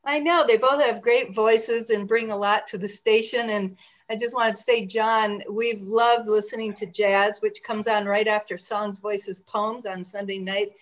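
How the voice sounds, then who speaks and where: A woman's voice: medium pitch, steady tone, a little slow. A woman hosting a conversational radio interview over a group call, speaking in an encouraging, appreciative way. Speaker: radio station host interviewing programmers. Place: remote group video call.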